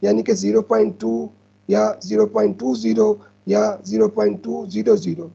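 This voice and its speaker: A man's voice: high voice, flat delivery, moderate pace, vocal fry, warm tone, husky, lo-fi sound. A man, patiently teaching decimals over slides and repeating himself often. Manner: patient, repeats "ठीक है" often, mixes in English terms. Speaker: math teacher.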